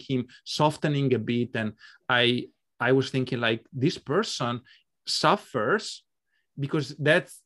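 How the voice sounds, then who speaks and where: A man co-hosting a podcast, talking in a thoughtful, hesitant way with many fillers and restarts as he tells a personal story. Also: mid-range voice. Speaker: podcast co-host. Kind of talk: reflective podcast chat.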